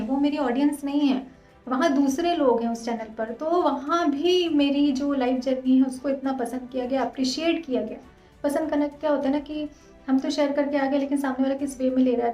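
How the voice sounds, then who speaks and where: Woman vlogger, high mellow voice, quick earnest talk, roomy dull recording, faint music. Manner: fast, earnest, direct address. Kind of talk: casual vlog talk to viewers.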